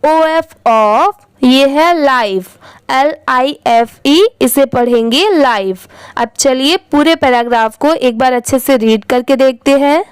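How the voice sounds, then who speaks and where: Slow, high-voiced woman teacher. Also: clear, resonant tone, no room sound, rough recording. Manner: spells words letter by letter, then reads them slowly. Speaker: English reading teacher. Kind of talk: step-by-step spelling and reading lesson.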